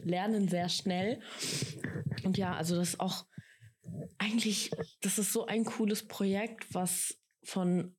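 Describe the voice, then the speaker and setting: A woman's voice: mid-range voice, fairly even intonation, slow. A woman of twenty, an apprentice, co-hosting a casual podcast chat and talking in a friendly, slightly hesitant way. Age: 20s.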